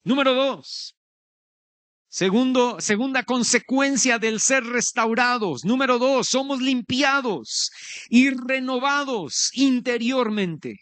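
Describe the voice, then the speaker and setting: A man's voice: very high voice, slow pace, fairly bright tone, dry recording. A man preaching a sermon as pastor, earnest and conversational, speaking straight to his listeners.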